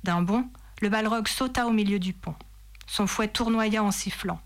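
A woman reading a fantasy novel passage aloud in a dramatic, measured storytelling manner. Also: medium pitch. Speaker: reader.

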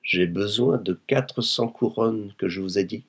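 A man's voice: deep voice, lively intonation, moderate pace, slightly rough. A man reading a novel aloud and voicing an insolent, coarse blackmailing woman who speaks with mocking, overly familiar coolness. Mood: demanding. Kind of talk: audiobook reading.

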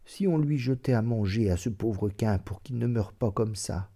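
A resigned country maidservant, as a male narrator puts her on, speaking softly and slowly with a sigh in her words. A storybook character. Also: on the low side. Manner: soft, resigned. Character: resigned, soft-spoken maidservant.

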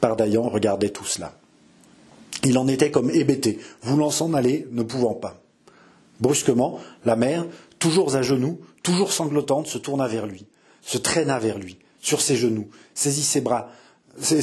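Husky-voiced male storyteller. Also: medium pitch, a little mellow. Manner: measured, dramatic storytelling. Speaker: audiobook reader. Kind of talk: scripted narration of a historical novel.

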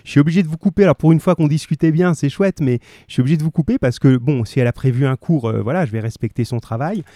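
Male teacher reading to a class; warm, dry, lively, asks questions. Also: a little high, fast talker, dry recording. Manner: lively, asks questions and stresses key words. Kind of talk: reading a story aloud to a class, then explaining it.

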